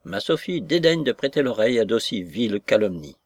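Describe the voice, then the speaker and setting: A man as an earnest flustered young gentleman. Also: mid-range voice, very animated, brisk. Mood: urgent.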